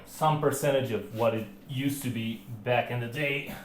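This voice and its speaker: A man's voice: medium pitch, fairly even intonation, normal speed. A man vlogging casually about his home arm workout, rambling with many fillers and restarts. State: out of breath. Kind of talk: casual filmed chat. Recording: roomy home recording, faint background hiss.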